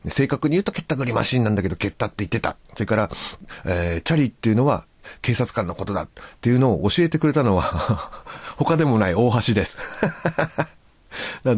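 A man's voice: lowish voice, slightly rough, no room sound. A male radio host chatting casually and reading listener letters, with a chatty, easygoing manner and frequent filler words.

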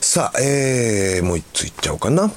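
A man hosting a radio show. He reads listener mail and chats in an easygoing way, with soft fillers and pauses. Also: lowish voice, sing-song, slight background noise. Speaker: radio host.

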